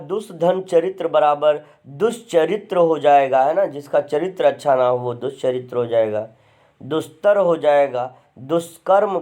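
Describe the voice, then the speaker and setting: A man teaching grammar, chatty, often adding "है ना" and dictating slowly. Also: on the high side, warm tone. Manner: dictates word forms slowly and deliberately. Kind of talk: online class lecture.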